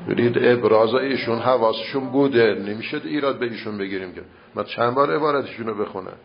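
A man at middle pitch teaching a seminary class, arguing his point with rhetorical questions and patient explanation. The recording sounds dull and lo-fi. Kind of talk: classroom debate on grammar and logic.

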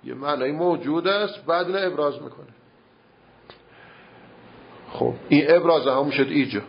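A man's voice: on the high side, gravelly, lo-fi sound, a little hiss or hum. Man arguing a point in class. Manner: argumentative, patient explaining with rhetorical questions. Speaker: seminary teacher. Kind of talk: classroom debate on grammar and logic.

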